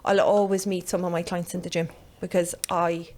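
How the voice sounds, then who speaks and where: A woman's voice: on the low side, level tone, moderate pace, darkish tone, slight background noise. A woman with a sing-song west of Ireland accent and a Cork lilt, chatting casually and bluntly on a podcast. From west Munster, Ireland. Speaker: podcast guest, gym trainer.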